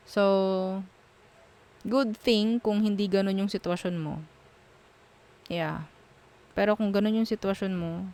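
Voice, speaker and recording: A woman's voice: mid-range voice, darkish tone, slight background noise. A woman doing a casual tarot reading, frank and musing as she thinks aloud between the cards. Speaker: tarot reader.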